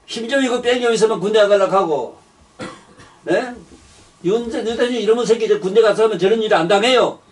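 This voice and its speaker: Older preacher ranting bluntly. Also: male voice, high voice, fast, distant mic. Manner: blunt, swears and rants, repeats words. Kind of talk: sermon.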